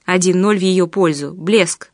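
A woman's voice: lowish voice, measured pace, darkish tone, no room sound. An embittered man rants with heated, accusing emphasis, read by a woman in an audiobook. The sound is dry and close, with no room around it. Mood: bitter. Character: bitter, resentful man ranting about his lover. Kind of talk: audiobook reading.

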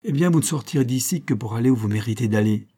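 A man reading the part of an earnest young nobleman who speaks gravely and insistently. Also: medium pitch, fast, dark tone, natural voice. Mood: stern.

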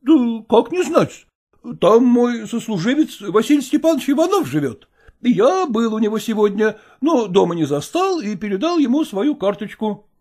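A woman's voice: a little high, big pitch swings, normal speed, dark tone. A woman reading a storybook, voicing a flustered young male fiancé who pleads and defends himself. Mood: pleading.

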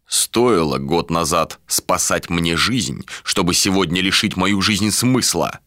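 A man reading an audiobook voices a cold, contemptuous male ruler in a low, measured voice. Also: expressive, sharp tone, dry recording, clean studio sound, exaggerated voice. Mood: cold, commanding.

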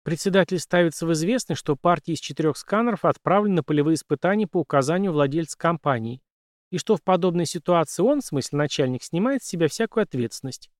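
A man voicing a somber older father, a former soldier, speaking in a measured, grave way. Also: a little high, expressive, dry recording, studio quality, pitched above the performer's own voice, natural voice. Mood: matter-of-fact.

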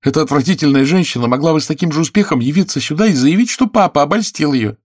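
A man voicing an excited young woman who protests on her fiancé's behalf. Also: a little high, quick pace, husky, dry recording, studio quality, pitched above the performer's own voice. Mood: protesting. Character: excited young woman Molly, devoted daughter.

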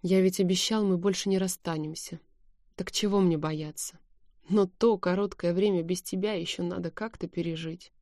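A woman voicing a devoted, protective young man, soothing and hushed, in a dry, close audiobook reading. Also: on the low side, fairly even intonation, normal speed, no room sound, natural voice. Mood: quiet.

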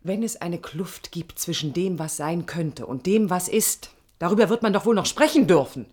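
A husky, low-key woman plays the idealistic young architect at the center of a 1980s East German radio play, narrating in first person as the lead. The character is reflective but stubborn and defiant. Her introspective monologue moves at normal speed with lively intonation and a darkish tone, defiant, intimate, thoughtful and earnest, at moments near a whisper.

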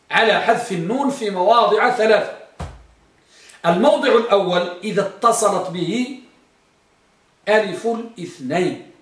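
A man teaching grammar to a class, dictating slowly, repeating phrases and quizzing his students. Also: high voice. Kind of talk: classroom lesson. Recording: echoey room from far off.

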